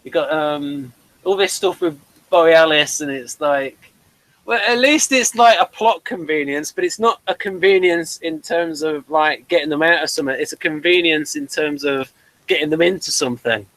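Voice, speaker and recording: A man's voice: a little high, normal speed, a bit bright, rough recording. A man hosting a casual review chat, talking in long, digressive explanations with dry humour. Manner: chatty and digressive, explaining at length; dry humour, chuckles between points. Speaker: host reviewing a TV series.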